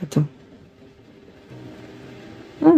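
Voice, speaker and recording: A woman stitches on camera, her phone trained on her hands, casually explaining cross-stitch and thinking aloud to the viewer in this hands-on embroidery tutorial. She sounds mellow, drawing out her words over soft background music.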